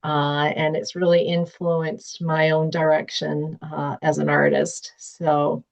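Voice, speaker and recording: A woman's voice: low voice, flat delivery, slow, creaky, dull audio. A woman from Ontario, Canada, chatting on a group call, giggly and hesitant with many fillers. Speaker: participant. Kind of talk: casual chat.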